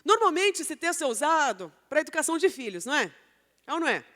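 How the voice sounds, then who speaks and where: High-voiced woman preaching in a church hall. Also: big pitch swings, quick pace, fairly bright tone. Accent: Brazilian Portuguese. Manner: rhetorical questions to the congregation. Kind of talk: sermon. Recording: church hall with long reverb.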